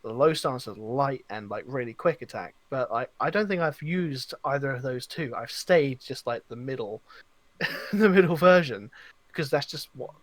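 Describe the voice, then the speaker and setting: A video game podcast host chats in a casual, animated way, rambling through stories and acting out quoted reactions. His medium-pitched voice has lively intonation at a moderate pace, with no echo.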